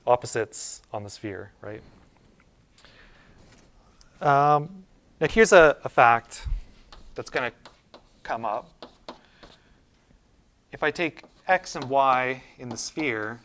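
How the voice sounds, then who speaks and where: A man teaching a university math class, talking it through informally as he goes. His voice sits in a middle pitch, and he restarts and checks in with the room often. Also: slow pace, long pauses, a bit bright, a little hiss or hum. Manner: informal, thinking aloud with many fillers and restarts. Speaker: university lecturer. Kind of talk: casual classroom lecture. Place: lecture room.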